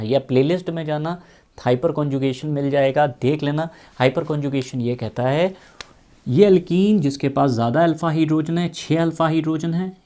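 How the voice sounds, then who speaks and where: Mellow-voiced male chemistry teacher. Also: on the high side. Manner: repeats key questions, drawls out terms while writing. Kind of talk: explaining chemistry at a whiteboard.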